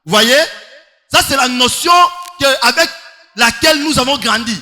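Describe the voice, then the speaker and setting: A man's voice: extremely high pitch, normal speed, bright, forceful tone, soft background music. A man preaching a sermon, emphatic, with rhetorical questions and sing-song stretches. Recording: long hall reverb.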